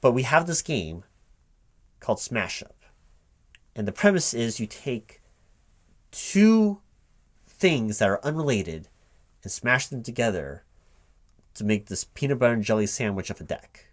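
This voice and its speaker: Playing a recruiting manager, a man with a medium-pitched, sing-song voice carries a one-sided interview scene. He speaks haltingly and in puzzlement, turning what he hears into questions.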